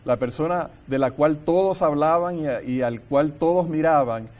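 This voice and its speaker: A man's voice: a little high, normal speed, a little mellow. A man leading a Bible study discussion, talking earnestly and thinking aloud, and sometimes reading scripture passages aloud.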